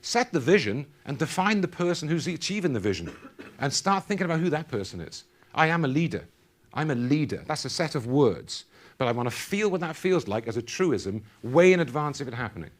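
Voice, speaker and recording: High-voiced man giving a motivational talk. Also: fairly quick. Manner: animated, quizzing the audience with call-and-response questions. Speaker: keynote speaker. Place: conference hall.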